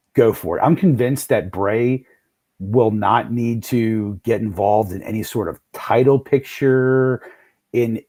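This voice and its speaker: A man's voice: medium pitch, a little mellow, dry recording. A man talking passionately and emphatically on a podcast, sometimes stammering. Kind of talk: casual chat.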